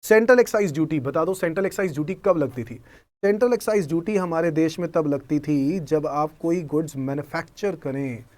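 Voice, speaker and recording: A man's voice: a little high, fairly quick, darkish tone. Indian man giving a tax lecture. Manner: asks and answers his own questions as students; mixes Hindi with English terms. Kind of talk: classroom lecture.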